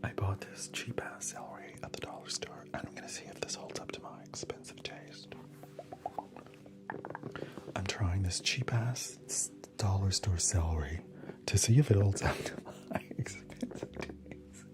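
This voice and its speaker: A man's voice: deep voice, normal speed. A man whispering casually through an ASMR livestream, chatting with viewers and answering their comments between snacks.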